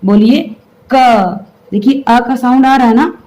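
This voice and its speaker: Mellow-voiced woman teaching a grammar lesson. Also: high voice, steady tone, a little fast, poor audio. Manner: explains step by step, asks students to repeat sounds aloud.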